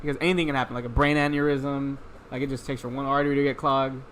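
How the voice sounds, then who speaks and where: A young man in casual podcast chat, excitable and quick to swear. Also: mid-range voice, a little hiss or hum.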